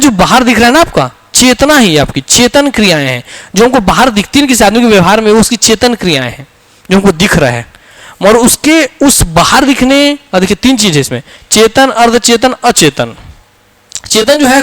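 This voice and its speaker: A man's voice: high-pitched, a bit bright. A male teacher with a Chhattisgarh accent lecturing a class, asking questions and repeating the key answers.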